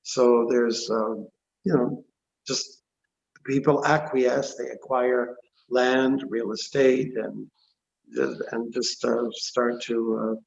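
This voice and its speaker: A man giving an extempore scripture lecture as a religious class teacher, with halting, deliberate phrasing. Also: medium pitch, level tone, gravelly. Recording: dull, echoey online call, faint noise.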